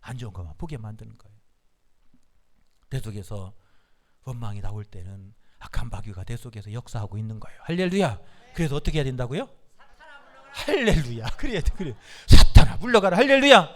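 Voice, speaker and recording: A middle-aged male pastor preaching a sermon, exhorting his congregation and leading them in call-and-response, with sudden shouted commands. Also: medium pitch, expressive, fairly quick, long pauses.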